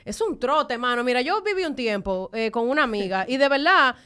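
Bright high-voiced woman. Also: lively intonation, brisk, smooth. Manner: chatty, rambling with fillers like "di que". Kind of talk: casual chat.

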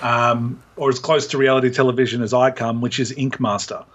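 A man's voice: medium pitch, level tone, fairly quick, fairly bright tone, highs cut off. A man co-hosting a podcast, chatting casually with dry humor and plenty of fillers. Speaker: podcast co-host. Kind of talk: casual chat.

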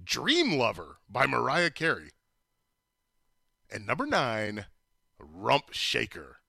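A man co-hosting a podcast in casual banter, teasing and animated. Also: medium pitch, slow, creaky, slightly rough, dry recording, studio quality. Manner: animated, teasing, bursts into loud laughter. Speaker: podcast co-host.

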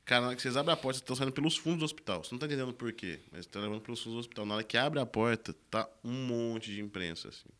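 Quick-talking Brazilian man with a bright voice, narrating an improvised story. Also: medium pitch. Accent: Brazilian Portuguese. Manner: fast, excitable scene-setting.

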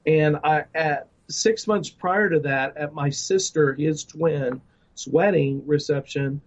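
In an interview, a middle-aged guest ministry director earnestly gives his personal testimony, restarting often and using many fillers. His voice is fairly high and slow. The sound quality is dull and lo-fi.

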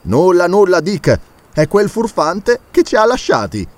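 A man's voice: medium pitch, big pitch swings, unhurried. A man reading an audiobook, voicing a bold doctor who leads a balloon expedition and gives orders. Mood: calm. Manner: urgent, commanding shouts.

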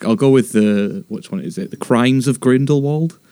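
A man's voice: medium pitch, moderate pace, warm tone, clean tone, no room sound. A man chatting casually as a podcast guest, giving dry, blunt opinions and laughing easily. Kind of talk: casual comedic chat.

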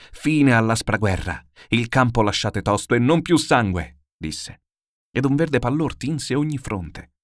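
A man reading classical epic verse aloud in a steady, declamatory way. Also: sits low, no echo, clean studio sound. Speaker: narrator.

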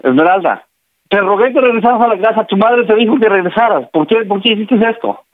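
A man's voice: high-pitched, expressive, fast, no echo. Distraught father over a tinny phone. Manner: distraught, scolding, repeating himself. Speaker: prank call target, father.

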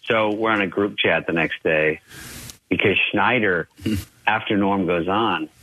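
Man, comedy guest, casual anecdotes, animated storyteller, bright tone. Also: deep voice, measured pace, no room sound, muffled recording. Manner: animated storyteller, lively voicing of others.

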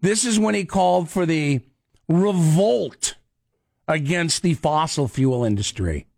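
A male radio talk show host chatting casually, with sarcastic, quick asides. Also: fairly high pitch, expressive, gravelly, a little mellow, no echo, studio quality. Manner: sarcastic, conversational, rapid asides.

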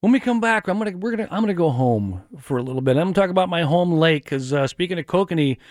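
A man hosting a talk radio show, his voice a bit high for a man and swinging all over the place in pitch. He jokes around and laughs often, and the studio sound is dry and close. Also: fast, no room sound. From Washington State. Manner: lively, jokey, laughs often. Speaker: radio host. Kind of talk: casual radio chat.

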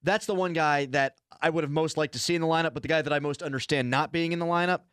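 A man's voice: on the high side, steady tone, fast, fairly bright tone, smooth, no echo, clean studio sound. A man hosting a sports radio show, chatting casually and joking with his guest. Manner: joking, opinionated. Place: radio studio.

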